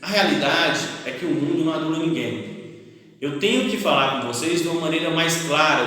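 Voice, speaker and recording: A Brazilian-accented man with a high-set voice lectures families bluntly as a clinic counselor, firing rhetorical questions at them. He sounds distant from the mic, and his voice rings around a large hall with a long reverb tail. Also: a bit bright. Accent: Brazilian Portuguese. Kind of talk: blunt talk to patients' families. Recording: echoey hall, voice from far off.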